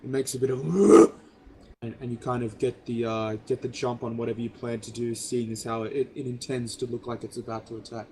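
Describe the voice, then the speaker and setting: A young man running a tabletop game as dungeon master, talking casually with fillers and slowing down for rulings. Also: medium pitch, level tone, a little mellow, slight background noise, rough recording.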